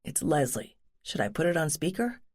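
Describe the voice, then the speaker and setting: A woman's voice: sits low, very animated, moderate pace, a little mellow, breathy edge, full character voice. A woman voicing a considerate boyfriend in dialogue from a cozy mystery audiobook. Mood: matter-of-fact.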